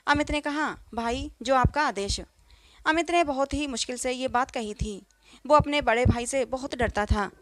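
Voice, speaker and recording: A woman narrating a first-person story as a storyteller, in a steady, emotional reading. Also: high voice, moderate pace, no echo.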